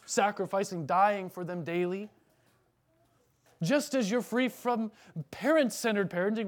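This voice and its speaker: A man preaching an earnest, emphatic sermon as pastor, then leading a prayer in church. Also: sits high.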